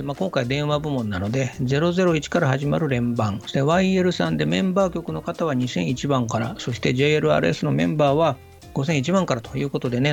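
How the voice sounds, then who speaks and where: Give me a man with a gravelly voice, chatting politely as a radio host over faint music. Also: on the high side. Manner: polite, unhurried, many fillers and 'ne' tags. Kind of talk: casual radio talk. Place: radio studio.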